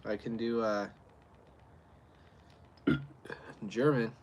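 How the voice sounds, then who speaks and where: Streaming outside in the cold, a man who reviews beer chats loosely with his viewers, rambling in plain speech. His voice sits on the low side and stays steady, very slow, with lo-fi sound and slight background noise.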